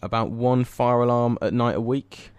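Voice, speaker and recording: A young man from England hosting a casual podcast chat, joking and teasing quickly. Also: medium pitch, clear, resonant tone, no echo. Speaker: podcast host.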